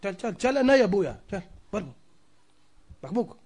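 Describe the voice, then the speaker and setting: A man voicing a stern king who briskly calls out orders in a told parable. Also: high-pitched, sing-song, darkish tone. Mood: commanding. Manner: barking, brisk.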